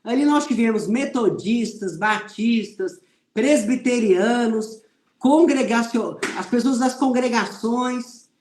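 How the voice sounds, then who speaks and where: A man's voice: very high-pitched, slow, a little mellow, reverberant. A Brazilian man teaching an online Bible class, telling a personal testimony and speaking earnestly to his listeners as brothers. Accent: Brazilian Portuguese. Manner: earnest, speaks to viewers as "irmãos". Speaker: religious teacher.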